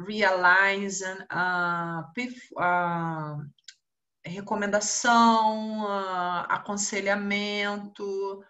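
A woman teaching English in a live online class with a Brazilian Portuguese accent, explaining exercises slowly with many fillers and tag questions. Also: medium pitch, pushed and bright, dull audio. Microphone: video call.

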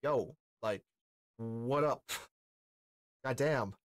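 A man in his forties, hosting from a compact indoor streaming room, gives loose, slangy reaction commentary on camera, drawing out his words in a medium-pitched voice. The recording is dry.

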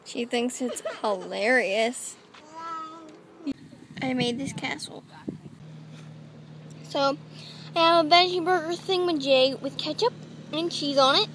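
A woman's voice: sits high, takes it slowly, pauses often. A young woman chatting casually in a vlog, describing her day outdoors. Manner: chatty, animated. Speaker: vlogger. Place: outdoors on a boat. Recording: noisy outdoor ambience.

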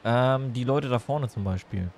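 A man's voice: medium pitch, normal speed, a little mellow, a little hiss or hum. A man chatting casually and playfully as he livestreams a game, rambling from one thing to the next. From Germany. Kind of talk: casual chat while streaming a game.

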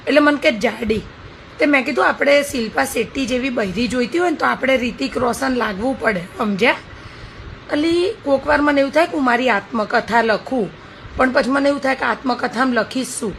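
A woman doing a wry, deadpan comic monologue as a housewife. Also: high voice, brisk, vocal fry, a little hiss or hum, rough recording. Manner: wry, deadpan self-mocking.

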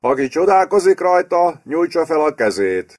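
A man's voice: on the high side, big pitch swings, darkish tone, pitched above the performer's own voice. Man voicing a wry prime minister. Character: wry middle-aged male prime minister. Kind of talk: audiobook character voice.

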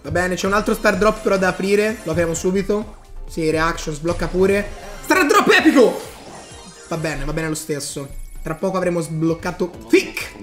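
A man giving excitable live commentary over his own gameplay, breaking into bursts of hype and talking straight to his viewers. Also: high voice, moderate pace, soft background music. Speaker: gaming YouTuber.

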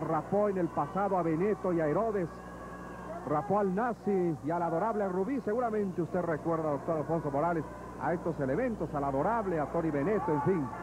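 A high-voiced Mexican man works as a wrestling commentator, giving live play-by-play. The sound is a noisy old television broadcast from an arena. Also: a little fast. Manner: narrates moves and recounts fighters' past bouts.

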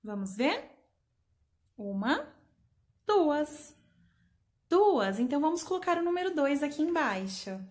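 A patient preschool teacher speaking to small children, spelling out letters and syllables one by one. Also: female voice, high-pitched, big pitch swings, slow pace, long pauses. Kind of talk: slow remote lesson for young children.

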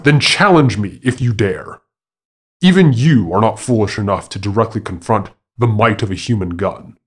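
A man's voice: lowish voice, lively intonation, moderate pace, slightly rough. A man doing a pompous, declaiming monkey. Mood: scornful. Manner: grandiose, declaiming. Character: pompous male monkey proclaiming himself a man.

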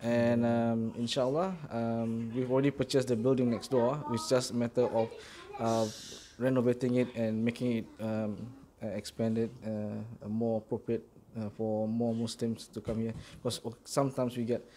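A man's voice: mid-range voice, little pitch movement, normal speed, few pauses, mellow, slight background noise. A middle-aged man from Singapore, founder of a small mosque, answering interview questions steadily with many ums, recorded indoors on a handheld mic. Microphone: handheld mic held by interviewer.

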